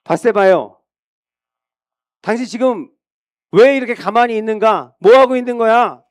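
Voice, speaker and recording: A man's voice: high-pitched, measured pace, no room sound, clean studio sound, pitched above the performer's own voice. A man doing an urgent, scolding old prophet. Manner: urgent, reproachful.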